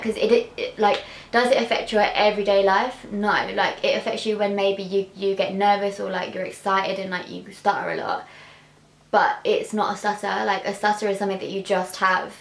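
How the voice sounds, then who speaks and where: The English vlogger talks a little fast with fairly even intonation, her mid-range voice sincere and open. A stutter makes her repeat sounds and words, and "like" turns up often. The recording picks up the clear echo of her small bedroom.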